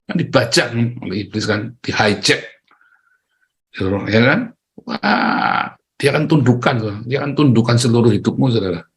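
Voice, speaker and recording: A middle-aged man preaching a sermon in a lively way, often laughing and calling out to his listeners. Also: mid-range voice, a little slow.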